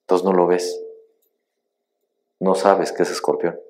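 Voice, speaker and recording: A middle-aged man, a pastor, preaching a sermon with emphatic storytelling that swings between loud rises and quiet drops. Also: sits low, flat delivery, a little slow.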